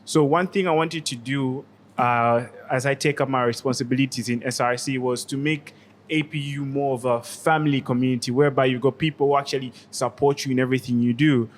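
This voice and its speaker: A man in his twenties from Zambia, a student guest on a podcast, speaking in a calm, earnest, unhurried way. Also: mid-range voice. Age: 20s. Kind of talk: casual podcast chat.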